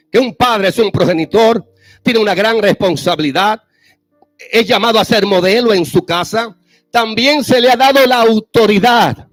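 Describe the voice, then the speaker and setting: High-voiced preacher man. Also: no room sound. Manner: speaks straight to the fathers in the audience with rhetorical questions. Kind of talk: sermon.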